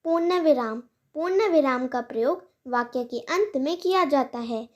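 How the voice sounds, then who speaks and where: A woman hosting her own channel, giving a scripted grammar lesson for children and reciting rules and examples in a measured, clear way. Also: sits high, animated. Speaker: channel host teaching Hindi grammar.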